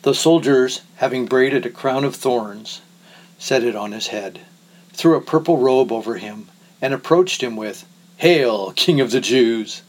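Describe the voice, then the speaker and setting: A man giving a measured, solemn reading of scripture. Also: medium pitch, poor audio. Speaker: scripture reader.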